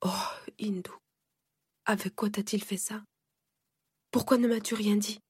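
A woman voicing a gentle, worried mother who speaks softly and half in a whisper. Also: mid-range voice, brisk, creaky, breathy edge, dry recording, clean studio sound. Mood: anguished.

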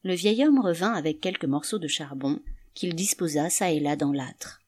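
A woman narrating an audiobook story with expressive storytelling. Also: deep voice, moderate pace, husky.

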